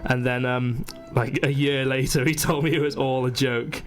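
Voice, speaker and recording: A man's voice: medium pitch, steady tone, moderate pace, soft background music. A young man co-hosting a casual radio show in a studio, playful and bossy. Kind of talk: casual banter on student radio.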